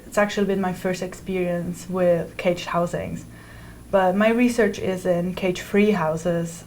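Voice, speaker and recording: In a rough recording with some hiss or hum, a young PhD student from Switzerland explains her research while being interviewed in a university room. Her voice is medium-pitched and darkish, and she chooses her words with care, restarting now and then.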